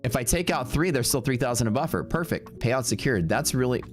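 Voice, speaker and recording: A man's voice: medium pitch, lively intonation, a little fast, faint music behind. A man with a Texas accent, streaming live day trading and chatting casually and brashly with his viewers. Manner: casual, brash, talks to chat.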